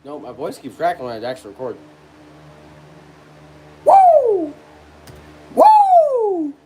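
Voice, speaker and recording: A man's voice: mid-range voice, animated, very fast, darkish tone, slight background noise. A young adult man chatting loosely to viewers on a live stream, rambling and breaking into bits of rap and singing. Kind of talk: casual live-stream chat.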